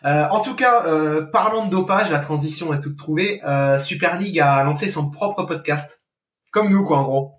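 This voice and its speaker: A man's voice: fairly high pitch, normal speed, a bit bright, reverberant. A man co-hosting a podcast, teasing and joking in casual banter. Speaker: podcast co-host.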